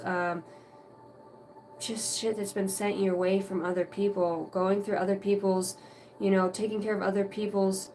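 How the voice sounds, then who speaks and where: A woman's voice: medium pitch, a little mellow, slight background noise. Casual woman giving a rambling tarot reading. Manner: casual, rambling, many fillers and mild swearing. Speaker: tarot reader. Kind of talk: live tarot reading for viewers.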